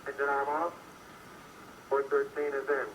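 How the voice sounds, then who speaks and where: A man's voice: mid-range voice, level tone, fairly bright tone. A man giving terse, clipped technical callouts over a crackly space radio transmission. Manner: clipped, rapid number readouts. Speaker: astronaut calling out a landing.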